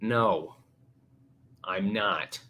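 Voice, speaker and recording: A woman's voice: very deep voice, fairly even intonation, drawn-out words, bright, forceful tone, breathy edge. A young adult woman hosting a casual live stream chat, full of crude teasing jokes. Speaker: host.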